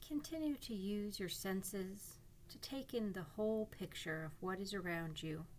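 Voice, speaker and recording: A woman leads a guided meditation at a very unhurried pace. Her delivery is calm and soothing, with long pauses between phrases. Her pitch sits in a middle range for a woman. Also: slight background noise. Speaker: psychotherapist guiding a meditation. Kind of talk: guided imagery meditation narration.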